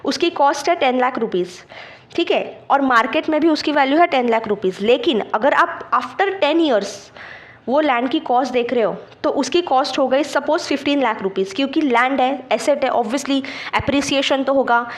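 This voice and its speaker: A woman's voice: high-pitched, normal speed. A woman teaching an exam-prep lecture, explaining step by step and checking in with students, mixing English terms into her Hindi. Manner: patient, checks understanding with frequent "theek hai".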